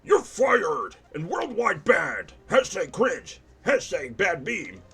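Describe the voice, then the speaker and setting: A man's voice: high voice, huge pitch swings, slow pace, vocal fry, pushed and bright, slightly rough, soft background music, pitched above the performer's own voice, exaggerated voice. A man putting on an evil boss voice. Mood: gloating. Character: evil male castle boss, gloating and boastful. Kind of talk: reading in-game messages aloud in a put-on voice.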